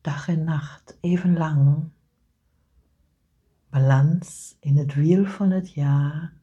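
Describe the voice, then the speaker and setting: Slow, dark-toned woman guiding meditation. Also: low voice, fairly even intonation, husky, dull audio. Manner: slow soothing delivery, often whispered. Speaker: meditation guide. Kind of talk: guided meditation.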